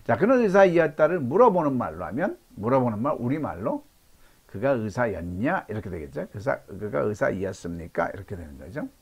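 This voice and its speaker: Male teacher, husky, very animated intonation; lecture drills, slow repeated model sentences. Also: medium pitch. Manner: repeats example sentences slowly for learners to copy; asks the class questions and answers them himself. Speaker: English teacher.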